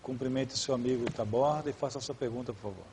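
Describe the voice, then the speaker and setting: A man's voice: mid-range voice, fast, darkish tone, a little hiss or hum. A man hosting a live TV talk show, formally introducing guests and handing over questions. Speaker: TV show host.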